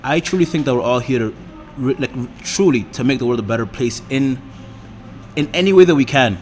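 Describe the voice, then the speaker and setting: A man's voice: medium pitch, lively intonation, fairly quick, slight background noise. A man in his twenties speaking earnestly and agreeably as a guest on a podcast. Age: 20s. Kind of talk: casual conversation.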